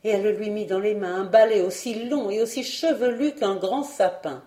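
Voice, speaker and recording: A woman narrating a storybook in a calm, measured reading voice. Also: mid-range voice, roomy sound. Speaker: audiobook reader.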